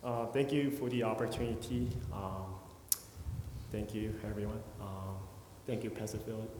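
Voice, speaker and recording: A man in his thirties from South Korea, speaking with a Korean accent, giving an earnest, prepared personal testimony at church with brief pauses. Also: lowish voice, fairly even intonation, background noise. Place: church sanctuary. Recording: long church hall reverb.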